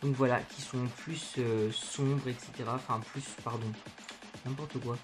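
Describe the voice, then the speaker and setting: A woman's voice: rumbling low, fairly even intonation, unhurried, over music. A woman chatting informally and candidly to viewers in a slangy, casual makeup haul vlog, recorded in her bedroom. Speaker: beauty vlogger.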